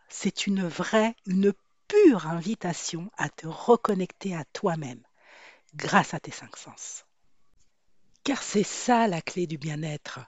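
Hoarse, croaky woman podcast host. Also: mid-range voice, no echo. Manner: intimate, addressing one listener directly. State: hoarse, croaky voice after flu. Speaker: podcast host and hair coach. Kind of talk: chatty solo podcast talk.

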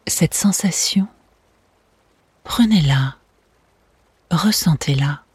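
A meditation guide speaking in a soft, soothing, breathy spa whisper, gently narrating a relaxation exercise. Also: mid-range voice, animated, extremely slow, no echo. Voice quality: breathy, hushed.

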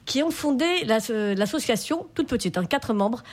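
A woman's voice: on the high side, animated, normal speed. A woman co-hosting a radio show as a journalist, friendly, asking questions with some hesitations. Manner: friendly, laughs easily, hesitant fillers. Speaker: co-host, food journalist. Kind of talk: radio interview.

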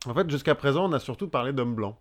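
A man co-hosts a casual history podcast, chatting and joking with asides, and often restarts his sentences with fillers. His medium-pitched voice is expressive and his pace quick.

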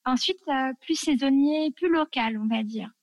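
A woman's voice: sits high, normal speed, dry recording. A woman from France chatting enthusiastically as a guest, full of fillers and asides as she recommends favorite dishes. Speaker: guest sharing food tips. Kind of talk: casual chat.

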